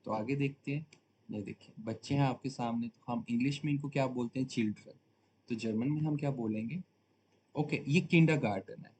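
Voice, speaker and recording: A man teaching German vocabulary in Hindi, saying each word slowly and then repeating it. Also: mid-range voice, mellow, slight background noise. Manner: slow, deliberate repetition of each word.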